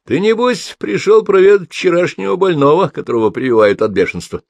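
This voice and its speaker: A man voicing a grey-haired village hospital medic who talks calmly and reassuringly. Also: high voice, a little fast, creaky, no room sound, voice pushed up. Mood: kindly.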